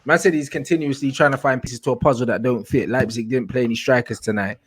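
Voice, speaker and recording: A man's voice: medium pitch, steady tone, fast talker, breathy edge, dry recording. A man with a London roadman accent, using slang and teasing his mates in casual football banter. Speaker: football show panelist.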